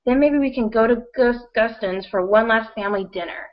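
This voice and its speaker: A woman's voice: on the high side, a little fast, lo-fi sound, close to an everyday voice. A middle-aged woman acting an insistent, patronizing mother in an audio drama. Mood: pushy. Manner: pushy, patronizing.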